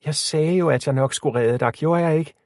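A man's voice: on the high side, no room sound, studio quality, voice pushed up, lightly acted. A man voicing a brave, protective teenage girl in an audiobook story, calling out urgently. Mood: tender. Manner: shouting, urgent.

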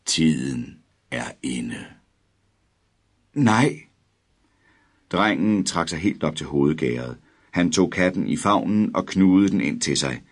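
A man narrating a dark audiobook story in a measured, dramatic way. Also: low-pitched, expressive.

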